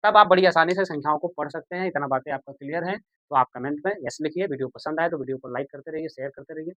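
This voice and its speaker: A man's voice: a little high, fast talker, a bit bright, no echo, lo-fi sound. Patient man teaching a maths lesson. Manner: patient, repeats steps, calls viewers "beta" and "bhaiya"; asks the class questions, then answers them himself.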